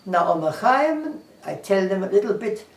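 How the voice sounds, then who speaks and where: At a moderate pace, a very animated man with a high voice and German accent gives a casual talk to camera as an English teacher. Earnest, he repeats himself, lists ideas in turn and quotes scripture. The echoey room, distant mic and slight hiss or hum color the recording.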